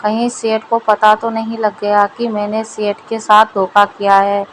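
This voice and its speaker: A woman's voice: medium pitch, monotone, a little slow, slight background noise, natural voice, rough recording. A woman voicing a greedy, cunning male village farmer who boasts and pleads. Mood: worried.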